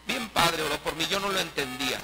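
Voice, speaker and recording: A man's voice: on the high side, animated, brisk, low-quality recording. A man preaching a sermon as pastor, emphatic and full of rhetorical questions. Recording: preaching over loud music. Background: loud music.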